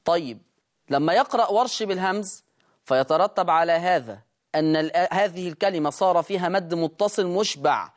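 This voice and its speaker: Egyptian Quran teacher, brisk then drawn-out. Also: medium pitch. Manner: brisk explanation, slow drawn-out demonstration of words. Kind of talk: recitation lesson.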